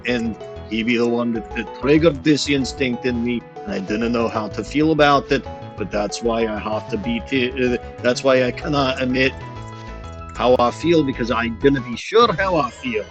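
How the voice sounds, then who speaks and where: Streamer, male, voice run through a deep pitch-shifting changer, mock-pirate patter, faint music under him. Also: normal speed, dull audio. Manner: playful mock-pirate talk with "aye" and "lad". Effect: voice changer shifting the voice deeper. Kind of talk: rambling livestream commentary.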